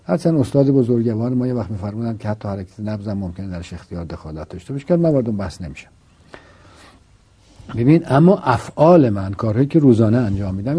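A man lecturing on philosophy in a very dark, husky voice. His pitch moves a great deal as he poses rhetorical questions and answers them himself. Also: animated. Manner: argues with rhetorical questions and repetition. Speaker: religious philosophy teacher. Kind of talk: didactic philosophical explanation.

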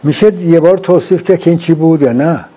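Male interviewer with a fairly high, warm voice who leads with short probing questions. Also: slightly rough. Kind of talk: philosophical conversation.

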